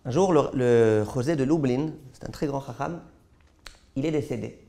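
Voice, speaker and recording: Gravelly rabbi telling stories to a class. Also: male voice, medium pitch, moderate pace. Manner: lively storyteller who stumbles into repeated words. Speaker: rabbi teaching a Torah class. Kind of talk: storytelling Torah lesson. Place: class hall with a live audience.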